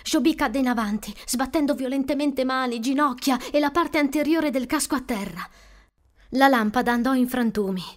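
Woman, audiobook narrator, expressive, suspenseful storytelling, higher voice. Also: moderate pace. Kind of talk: scripted narration.

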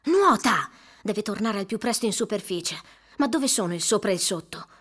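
A woman narrating a suspenseful audiobook in a measured, dramatic storytelling manner. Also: mid-range voice, animated, a bit bright, slightly rough.

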